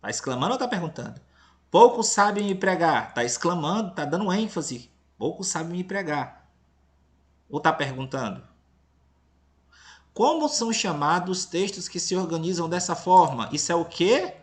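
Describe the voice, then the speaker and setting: A Brazilian man with a slightly high voice reads a grade-school lesson aloud. He talks patiently and often asks the class whether they follow. Now and then he teases them about nearly giving away the answers. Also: expressive, normal speed. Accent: Brazilian Portuguese, Tocantins. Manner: patient, checks in with "entendeu?" and "beleza?". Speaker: teacher. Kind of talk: reading a lesson aloud to children.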